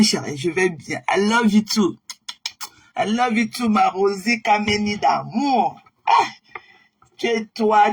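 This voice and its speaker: A woman hosting a casual live stream, chatting warmly with viewers and greeting them by name, often repeating herself. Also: medium pitch, husky. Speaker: livestream host.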